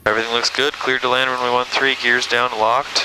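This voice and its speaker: A man instructing a student pilot in a calm, relaxed way, heard over a cockpit headset intercom in a small airplane. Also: mid-range voice, fairly quick. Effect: pilot speaking over a cockpit headset intercom. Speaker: flight instructor. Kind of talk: instructing in flight. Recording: cockpit headset with loud engine noise. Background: engine drone.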